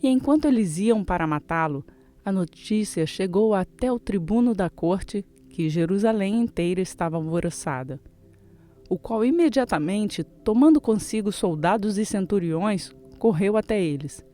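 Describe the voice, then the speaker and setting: Mellow-voiced scripture reader. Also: mid-range voice, expressive, normal speed, soft background music. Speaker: Bible reader.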